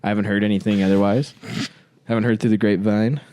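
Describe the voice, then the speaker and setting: A man's voice: lowish voice, flat delivery, fast, dark tone. A man, co-hosting a casual podcast chat, rambling and full of "like". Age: 20s. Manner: rambling, heavy use of "like", laughs easily. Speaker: podcast co-host.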